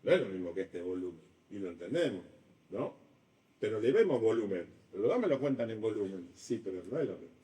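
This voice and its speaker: Male lecturer, mellow dark tone, animated delivery, distant classroom mic. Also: lowish voice, a little fast. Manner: animated, acts out examples with shifting voice. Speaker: university design lecturer. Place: lecture room.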